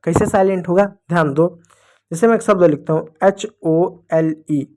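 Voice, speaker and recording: A man's voice: sits high, moderate pace, dark tone. A man teaches English phonics to children. He keeps asking questions and then answers them himself. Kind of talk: classroom phonics lesson.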